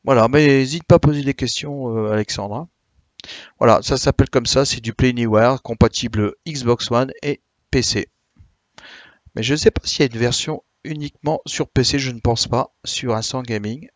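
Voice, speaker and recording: A tired man chatting live with his stream viewers, filling his sentences with hesitations and restarts as he explains things. His voice sits at a middle pitch and sounds dry and close, with no room around it. He keeps a friendly, unhurried way of answering questions. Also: dry recording. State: a bit tired. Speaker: Twitch streamer.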